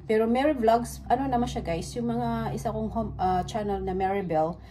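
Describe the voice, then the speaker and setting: Her voice sits on the high side, mellow and at a moderate pace: a middle-aged Filipino-accented woman vlogging as she bakes at home, chatting casually and mixing Tagalog with English. She records on a phone held at arm's length or propped nearby in a small indoor kitchen, and the audio is clearly noisy.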